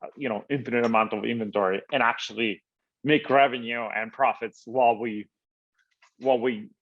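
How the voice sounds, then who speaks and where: A man from Italy, founder and interview guest, answers in a halting way, full of fillers and repeated words. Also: medium pitch, steady tone. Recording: slightly dull, lo-fi audio.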